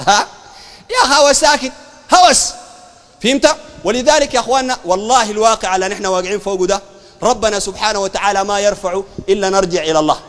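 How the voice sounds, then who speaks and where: A man with a Sudanese Arabic accent preaching a colloquial sermon, animated and mocking, full of rhetorical questions. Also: high-pitched, in a large hall.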